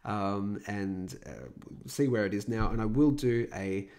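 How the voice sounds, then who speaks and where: A man hosting his own channel, giving a casual technical analysis of a crypto coin in a loose, chatty way full of fillers, his voice still a little hoarse from being sick. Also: fairly low pitch, unhurried, darkish tone. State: slightly hoarse, recovering from illness. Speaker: crypto market analyst host.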